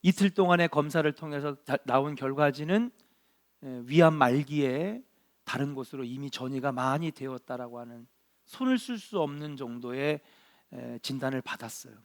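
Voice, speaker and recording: Earnest Korean male pastor preaching. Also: mid-range voice. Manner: earnest, drawn-out, with rhetorical questions and frequent affirming interjections. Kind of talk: sermon.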